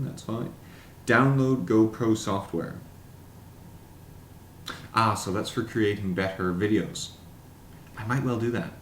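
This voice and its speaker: A vlogger with a low-pitched voice chats casually and wryly to the camera during an unboxing, haltingly reading text aloud as he goes. The room is echoey, with a little hiss or hum.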